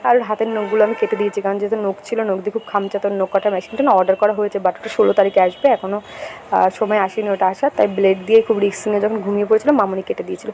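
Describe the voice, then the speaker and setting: A woman's voice: medium pitch, flat delivery, very fast, a little mellow, slight background noise, poor audio. A young woman, narrating a daily home vlog in a chatty voice-over with frequent fillers. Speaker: vlogger.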